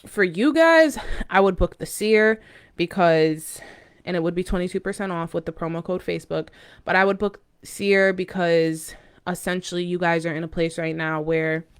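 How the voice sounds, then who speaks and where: A smooth, clear-voiced woman, pitched a little low, reads horoscopes and tarot cards for her viewers. Her delivery is casual and mystical, halting now and then for informal, intuitive asides.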